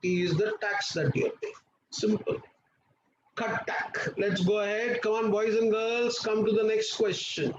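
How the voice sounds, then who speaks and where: High-pitched Indian male teacher, echoey audio. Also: level tone, moderate pace. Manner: insistent, repetitive, prompting students with questions and endearments. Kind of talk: live online class lesson. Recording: roomy, muffled, noisy online class audio.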